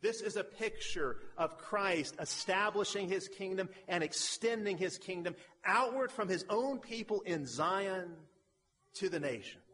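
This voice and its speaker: A man's voice: high-pitched, lively intonation, unhurried, bright, forceful tone. Man preaching in an echoing hall. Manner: emphatic preaching with repeated parallel phrases. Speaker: pastor. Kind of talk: sermon.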